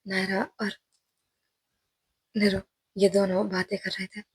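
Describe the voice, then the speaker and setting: Breathy, chatty woman storyteller. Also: medium pitch, monotone, measured pace, dry recording, poor audio. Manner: chatty, conversational, comments on the story. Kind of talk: casual story narration.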